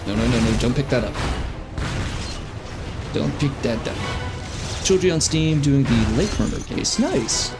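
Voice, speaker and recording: A man's voice: medium pitch, animated, a little slow, long pauses. A man chatting casually as a VTuber while he plays a game on a live stream, talking to his viewers. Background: game music.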